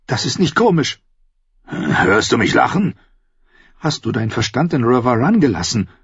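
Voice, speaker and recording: A man voicing a scheming, pleading queen in a raised falsetto for an audiobook. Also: sing-song, moderate pace, creaky, fairly bright tone, breathy edge, no room sound, exaggerated voice. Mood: sharp. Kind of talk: audiobook reading. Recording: dry, dull close recording.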